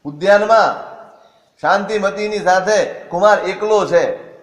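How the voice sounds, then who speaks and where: A man's voice: high-pitched, slow. A man telling a religious story as a sermon, asking questions and answering them himself. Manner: expressive, asks and answers his own questions. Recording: echoey hall.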